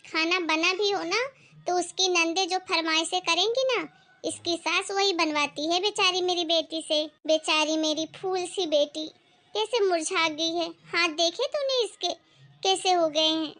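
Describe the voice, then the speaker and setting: A woman's voice: extremely high pitch, a little slow, exaggerated voice. A woman acting a bossy, cruel mother-in-law who scolds her daughter-in-law in a family drama. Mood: complaining. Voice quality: scolding, sharp-tongued.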